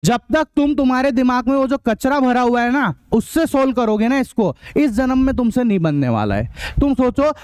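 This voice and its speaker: A man teaching a math class, drilling rules and quizzing students with quick questions, sometimes blunt and scolding. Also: very high voice, lively intonation, darkish tone, smooth, no room sound. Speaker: math tutor. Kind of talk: online class lecture.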